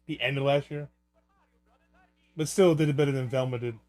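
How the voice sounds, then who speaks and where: A man's voice: medium pitch, fairly even intonation, normal speed, darkish tone. A man giving casual, rambling and joking film commentary, with some swearing. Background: film soundtrack music.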